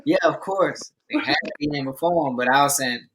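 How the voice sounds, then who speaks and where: Male podcast host, bright forceful voice, slightly high, hype and slangy. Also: brisk. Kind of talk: casual podcast hosting.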